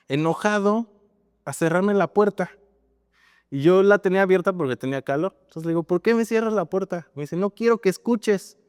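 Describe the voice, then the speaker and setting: A man's voice: on the high side, clean tone, no echo, clean studio sound, big-room sound. A man with a Mexican accent preaching a sermon as pastor, in a conversational style that keeps adding tag questions.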